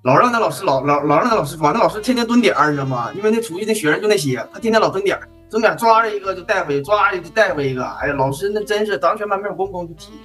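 A man's voice: high-pitched, lively intonation, rapid-fire, hardly any pauses, fairly bright tone, soft background music. A man with a Northeastern Chinese accent, co-hosting a podcast in a rambling, repetitive casual way. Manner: rambling, repeats words. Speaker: podcast co-host. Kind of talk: casual chat.

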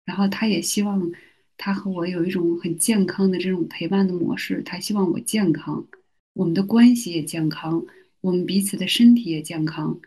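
A middle-aged woman, a university teacher, telling personal stories as a guest on a podcast, in a soft-spoken, reflective way with many small restarts. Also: fairly low pitch, moderate pace, slightly rough. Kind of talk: conversational storytelling.

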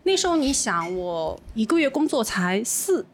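A woman in a casual podcast chat, telling lively anecdotes and acting out bits of dialogue. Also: a little high, moderate pace. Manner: animated storyteller, acts out dialogue. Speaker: podcast host.

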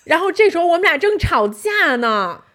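Animated woman telling a funny story. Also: very high voice, normal speed. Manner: animated, laughs often, switches into English words. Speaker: podcast co-host. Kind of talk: casual chat, storytelling.

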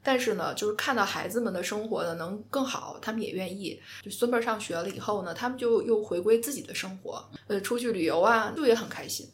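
A woman, co-hosting a casual podcast chat. She explains in a calm, steady voice, like a counselor walking through a case. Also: mid-range voice, quick pace, few pauses, slight background noise. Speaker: astrology co-host and counselor.

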